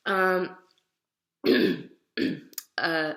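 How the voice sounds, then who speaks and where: A young woman with an American accent, an English speaker, gives a spoken class reflection in French, halting and searching for words with many fillers. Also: low-pitched, expressive, fairly bright tone. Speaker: student.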